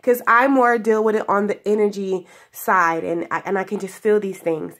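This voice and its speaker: A young woman vlogs spiritual guidance, sharing a daily message with her viewers in a casual talk recorded on a camera in front of her. Her mid-range voice is stuffy from sinus trouble, and her tone is steady. She sounds giggly and affectionate, stretching out her words.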